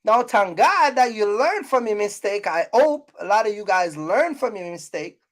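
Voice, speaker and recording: In a mid-range, expressive voice at normal speed, a woman delivers trucking business advice on her YouTube vlog. The unscripted rant is blunt and scolding, with points repeated for emphasis.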